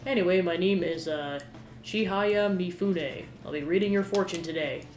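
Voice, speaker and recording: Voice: mid-range voice, normal speed, a little mellow, a little hiss or hum, lightly acted. A game player voicing a mysterious young woman fortune teller with formal, ominous soothsaying patter. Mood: welcoming, polite. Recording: roomy echo with game music behind.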